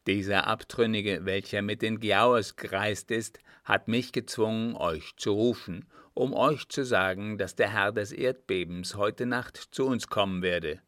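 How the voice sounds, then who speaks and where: A man voicing a proud, angry desert sheik who speaks loudly and harshly, giving orders. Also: fairly low pitch, measured pace, hardly any pauses, dry recording, clean studio sound. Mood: addressing crowd. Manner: loud, harsh and commanding.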